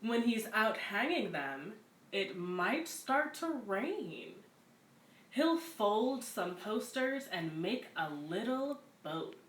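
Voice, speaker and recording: Very animated yet slow, this mid-range, fairly bright voice belongs to a community center's story-time host. She reads picture books to the listeners and chats with them in a relaxed way. Her echoey room comes with clear background noise.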